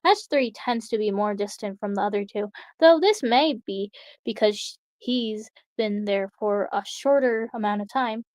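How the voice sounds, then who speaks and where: A woman's voice: medium pitch, normal speed, a little mellow, no room sound, natural voice. A woman reading aloud as a female experimenter dictating her research logs in a matter-of-fact way. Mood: clinical. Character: calm clinical female experimenter writing logs.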